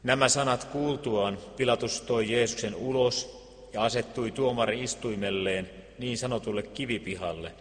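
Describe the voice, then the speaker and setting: A man reading Scripture aloud and preaching, solemn and measured, with deliberate pauses. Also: medium pitch. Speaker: pastor. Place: church. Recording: long church reverb.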